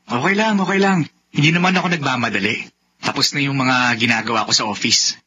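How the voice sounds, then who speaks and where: An actor playing an eager, gentle young Filipino man in an old-style radio drama. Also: mid-range voice, a little fast, slight background noise, close to an everyday voice. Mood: easygoing. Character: eager, gentle young man Warren, sickly rich son.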